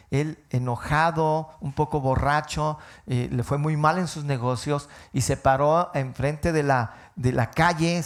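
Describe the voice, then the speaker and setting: A man, a pastor preaching a sermon and telling a personal story with emotional rises and falls. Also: a little high. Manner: emotional storytelling, voice rising and falling.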